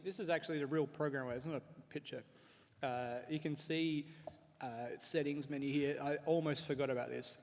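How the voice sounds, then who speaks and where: A man runs a live panel, chatty and loose with fillers as he eats. His voice sits high, and it rings out with the long echo of a big convention hall. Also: a little hiss or hum. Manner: chatty, filler-heavy, talking while eating spicy chips. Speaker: panel presenter.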